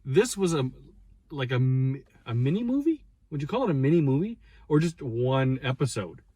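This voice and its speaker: A man's voice: medium pitch, sing-song, moderate pace, dark tone, breathy edge, no echo. A man co-hosting a casual movie review chat with playful, bantering talk. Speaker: podcast co-host.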